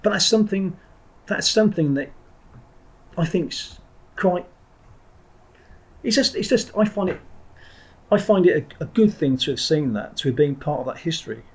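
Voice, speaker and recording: A middle-aged man from England, once a Marine trainer, reflects on his story as a podcast guest in a husky voice on the high side with lively intonation. He keeps a moderate pace with long pauses, and he's blunt and prone to tangents, often restarting and sometimes swearing.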